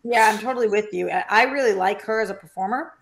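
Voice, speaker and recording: A woman's voice: mid-range voice, fast, gravelly. A woman co-hosting a movie podcast, chatting enthusiastically and rambling through her opinions. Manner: enthusiastic, rambling, trails off mid-thought. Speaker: podcast co-host. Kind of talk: casual movie chat.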